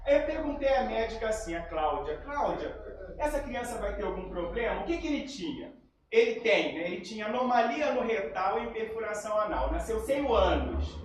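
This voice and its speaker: A high-voiced man gives a spiritist talk to a gathering. He tells his own story and acts out the lines of the people in it. The recording is very echoey, and he sounds far from the microphone. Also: big pitch swings, fairly quick. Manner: personal storytelling, acts out quoted dialogue. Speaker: spiritist lecturer. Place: lecture hall. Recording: very echoey hall, far from mic.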